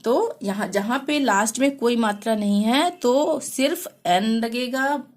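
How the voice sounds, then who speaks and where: A woman teaching a language lesson, explaining slowly and patiently, often pausing to check that the listener follows. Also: a little high. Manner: slow, repeats "theek hai" to check understanding. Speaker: Hindi teacher.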